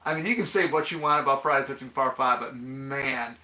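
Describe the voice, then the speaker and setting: A man's voice: mid-range voice, a little fast, pushed and bright. A man commenting on a film in casual, rambling chat, full of fillers and restarts. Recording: echoey room.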